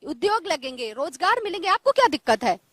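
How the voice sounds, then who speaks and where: Female debate anchor, high-pitched, pointed and challenging. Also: very animated, a little fast, a bit bright, dry recording, studio quality. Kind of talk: TV news debate moderating.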